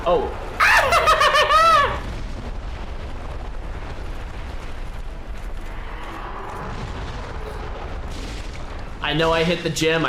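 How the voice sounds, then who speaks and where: A man giving playful, animated commentary while playing a video game, with sing-song asides. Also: fairly high pitch, reverberant, background noise. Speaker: gameplay streamer. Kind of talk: casual gameplay commentary.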